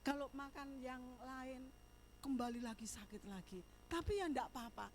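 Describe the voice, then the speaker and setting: A woman's voice: high-pitched, normal speed, a little hiss or hum. An older woman giving a sermon testimony, moving from fervent preaching into chatty storytelling. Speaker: church minister.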